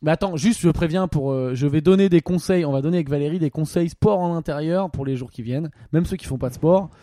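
Rambling young man, mellow voice. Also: fairly high pitch, fast talker, dry recording, studio quality. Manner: rambling, crude joking, many fillers and restarts. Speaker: podcast co-host. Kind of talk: casual chat. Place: home during lockdown. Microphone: studio microphone.

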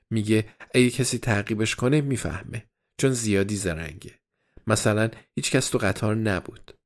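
A man reading a story aloud as first-person diary narration, in a measured, even storytelling manner. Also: on the low side. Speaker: audiobook narrator.

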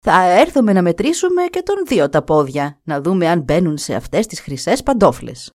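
A woman's voice: fairly low pitch, very animated, darkish tone. A woman voicing a group of stern, formal royal councillors in a storybook tale, speaking firmly and insistently. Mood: polite. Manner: formal, firm.

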